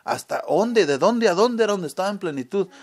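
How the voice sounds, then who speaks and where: Male preacher with a higher voice, leans on "right?" questions to the audience. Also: expressive, fairly quick. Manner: keeps asking the audience "¿verdad?"; asks questions and answers them himself. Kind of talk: sermon.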